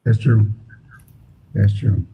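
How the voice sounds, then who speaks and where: A man's voice: lowish voice, steady tone, slow pace, narrow, tinny audio. A man in a casual chat who mostly chimes in with short agreeing replies.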